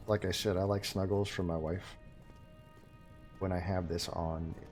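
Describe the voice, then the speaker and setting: A man with a low, slightly mellow voice streams a game live, playing while he chats and jokes casually with his viewers in chat.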